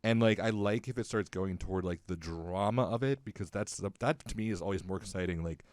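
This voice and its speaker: A man's voice: deep voice, a little fast, darkish tone, no room sound. A man hosting a podcast, bantering in a playful, casual way. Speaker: podcast host.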